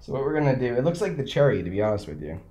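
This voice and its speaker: A woman's voice: rumbling low, sing-song, very fast, mellow. A woman hosting a casual taste test, chatting while she sucks on sour candy. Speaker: host of a candy tasting video.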